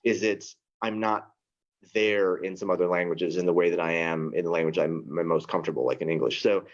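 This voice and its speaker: A man tour guide in a round-table chat, thoughtful and self-deprecating, often pausing on fillers. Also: sits low, steady tone, lo-fi sound.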